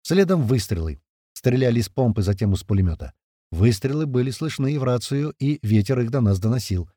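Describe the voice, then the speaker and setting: Dark-voiced man narrating an audiobook. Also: mid-range voice, expressive, a little fast, no echo, clean studio sound. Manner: conversational, swears casually. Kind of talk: first-person audiobook narration.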